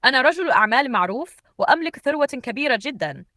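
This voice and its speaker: Woman doing a disguised rich older man, calm, weary, earnest, dry close sound. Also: sits high, racing, no echo, voice pushed up.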